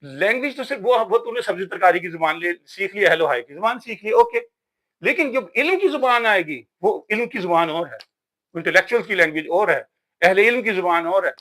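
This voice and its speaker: Man, vlogger, casual but emphatic, lecturing tone, high pitch. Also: expressive, fairly bright tone. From Pakistan. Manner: emphatic, preachy, says "yaar" often. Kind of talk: casual talk about books.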